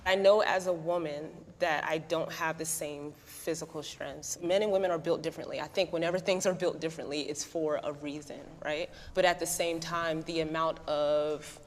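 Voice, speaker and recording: A woman's voice: deep voice, steady tone, moderate pace, few pauses, big-room sound, a little hiss or hum. A woman poet and writer giving her views in an earnest, conversational way, often saying "like". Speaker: writer and poet, debate guest. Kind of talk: opinion interview.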